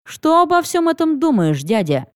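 A woman's voice: high voice, sing-song, normal speed, no echo, clean studio sound, voice pushed up. A woman reading a cheeky young dragon. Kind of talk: audiobook reading.

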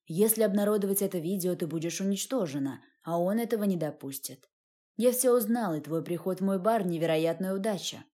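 A cold, cruel man talks with calm, cutting contempt, as a woman narrator voices him in an audiobook. The tone is dark and mellow, the delivery unhurried and menacing, with his lines kept close to the reader's own voice. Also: medium pitch, close to an everyday voice. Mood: cold, mocking.

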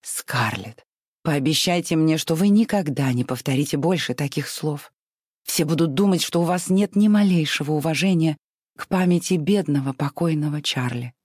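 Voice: medium pitch, normal speed, a little mellow, slightly rough, dry recording, clean studio sound, close to an everyday voice. A reader voicing a fussy, easily tearful elderly aunt who scolds in a fluttery way. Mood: pleading. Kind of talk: audiobook reading.

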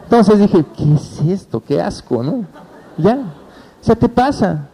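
A man with a Mexican accent leads a motivational business training in a slightly high, mellow voice. He is animated and tells stories, turning to his audience again and again to urge them on. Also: unhurried, husky, rough recording. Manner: animated storytelling, addresses the audience directly and acts out phone calls.

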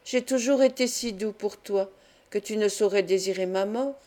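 A woman's voice: mid-range voice, moderate pace, dark tone, natural voice. A woman reading as a frail dying old lord. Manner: weak, muffled, grumbling voice.

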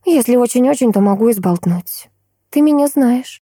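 A woman voicing an excitable, chatty teenage girl who squeals and fires off questions. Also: a little high, slightly rough, no room sound, clean studio sound, voice pushed up. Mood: playful. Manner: squealing, rapid-fire questions. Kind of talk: audiobook character voice.

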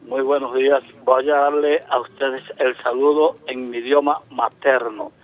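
A Venezuelan man in his seventies calls in to a radio show over a tinny phone line, talking at length with emphasis and frequent restarts. His mid-range voice holds a level tone at a moderate pace, with soft music in the background.

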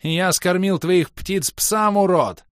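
A man voicing an enraged northern ruler who shouts his insults with hate. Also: sits high, slow pace, clean tone, dry recording, clean studio sound, voice pushed up. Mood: furious. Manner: shouting, snarling. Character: furious male northern ruler, hateful.

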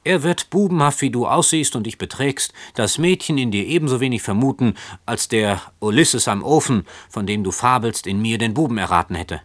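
A man's voice: mid-range voice, moderate pace, few pauses, no echo, voice pushed up, lightly acted. A man reading aloud voices a timid young man who pleads and whines. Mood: whining. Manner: pleading, whining. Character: timid, whining young man, a fearful cousin.

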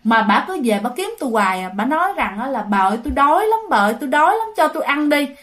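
A woman's voice: high voice, sing-song, fast, a bit bright. A woman voicing an old village woman in her eighties, rambling and matter-of-fact.

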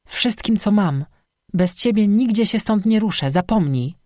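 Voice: medium pitch, expressive, a little slow, darkish tone, dry recording, studio quality, voice pushed up, natural voice. An audiobook narrator voicing a stubborn, defiant young village girl who speaks in a headstrong way. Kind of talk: audiobook reading.

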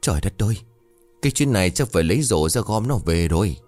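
Dude playing a brash young goof who cant drive, deep lively voice. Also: male voice, fast, faint music behind. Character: cocky clumsy young male driver.

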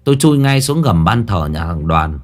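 A man's voice: fairly low pitch, very animated, moderate pace, soft background music. A man narrating a Vietnamese ghost story in the first person, telling it in a dramatic way.

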